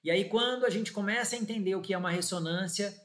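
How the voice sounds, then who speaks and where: A man, an orthodontist, giving a live lecture to an audience, lively and talking straight to the listeners, acting out bits of patient dialogue. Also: sits high, fast. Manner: animated, acts out patient dialogue, addresses audience as "gente". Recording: echoey room.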